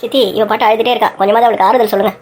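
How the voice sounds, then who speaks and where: A woman's voice: fairly high pitch, steady tone, racing, darkish tone, a little hiss or hum, natural voice. A woman voicing a caring young man who talks earnestly and persuasively in a cartoon story. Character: caring young man, protective of his cousin.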